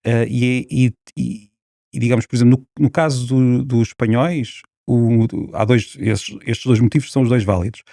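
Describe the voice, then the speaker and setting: A man's voice: mid-range voice, fairly even intonation, normal speed, vocal fry, mellow, no echo, studio quality. A man with a European Portuguese accent, a linguist guest on a podcast, explaining at length with many fillers and restarts.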